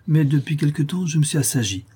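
A man reading aloud, voicing an outspoken middle-aged peasant widow in a raised, husky voice. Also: fairly high pitch, expressive, fast, warm tone, pitched above the performer's own voice. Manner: outspoken, defiant.

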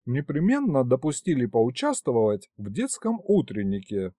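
A man's voice: mid-range voice, huge pitch swings, moderate pace, warm tone, no room sound, studio quality. A man voicing a prim, fussy imp who keeps magic trinkets, speaking in a prissy affected way. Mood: huffy.

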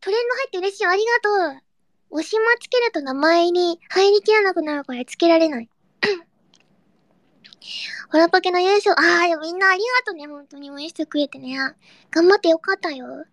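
A young woman hosting a casual live audio chat, reading listener comments in a cutesy, excitable way and breaking into squeals and giggles. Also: very high voice, a little fast, no echo, studio quality. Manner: cutesy, baby-talk endings.

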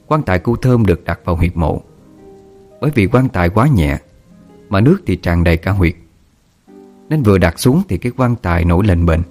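A man narrating a story in a steady, somber way. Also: low-pitched. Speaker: audiobook narrator.

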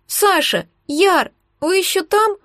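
A woman's voice: extremely high pitch, lively intonation, measured pace, fairly bright tone, dry recording, clean studio sound, voice pushed up, exaggerated voice. A woman doing a thin-voiced, frightened little girl. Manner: thin, pleading cries. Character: small frightened girl, tearful and shrill.

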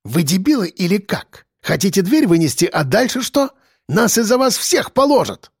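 A man voicing an arrogant, spoiled young man who sneers and breaks into shrill outbursts. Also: very animated, moderate pace, a little mellow, dry recording, studio quality. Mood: hissing.

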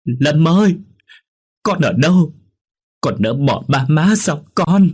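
A man's voice: low voice, expressive, normal speed, slightly rough. A man voicing a grieving mother who wails and pleads for her drowned son, in a spoken ghost story. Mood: wailing grief. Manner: sobbing, pleading cries.

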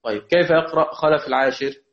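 A man with an Egyptian accent teaching Quran recitation, chanting verses slowly and quizzing his students. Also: on the high side. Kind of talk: religious lesson. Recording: dull lo-fi recording.

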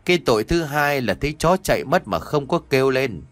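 A man's voice: mid-range voice, big pitch swings, fairly quick, no room sound, natural voice. A man voicing a cruel, vindictive older landlord in an audio story, menacing and sneering. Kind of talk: audiobook character voice.

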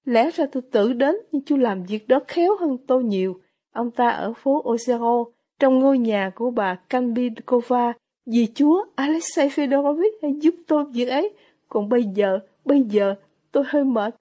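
A woman voicing a proud, weary young lady in a storybook reading, talking quickly. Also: a little high, lively intonation, dark tone.

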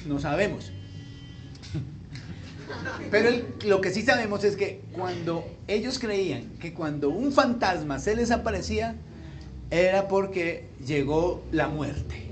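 A man's voice: sits high, measured pace, noisy background. A male pastor preaching a sermon, joking and acting out the voices in the story. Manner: animated, joking, acts out biblical voices.

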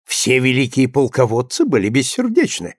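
A man voicing an excitable young woman who gushes and exclaims. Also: mid-range voice, moderate pace, dry recording, studio quality. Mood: excited.

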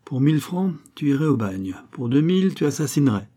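A man's voice: a little high, very animated, a little fast, warm tone, pitched above the performer's own voice. A man playing a cocky, mocking young bandit. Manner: teasing, commanding.

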